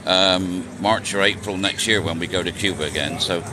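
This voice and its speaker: This is a low-pitched man in his sixties speaking at a moderate pace with fairly even intonation. As a vlogger riding through the city, he chats casually on his live stream, joking and answering viewers. The outdoor street recording is noisy with traffic and street sounds.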